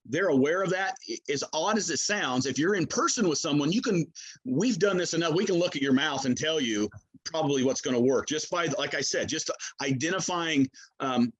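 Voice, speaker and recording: A man's voice: on the high side, a little fast, breathy edge, low-quality recording. A man explains his products in a casual interview, talking in a folksy, hesitant way as he works through the details. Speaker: game call maker, product expert.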